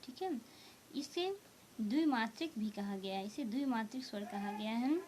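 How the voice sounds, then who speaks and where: A woman teaching a grammar lesson to students, explaining slowly and repeating each point with frequent check-ins. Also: on the high side, expressive, darkish tone, a little hiss or hum. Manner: slow, repetitive explaining with frequent "theek hai" check-ins. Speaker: Hindi teacher.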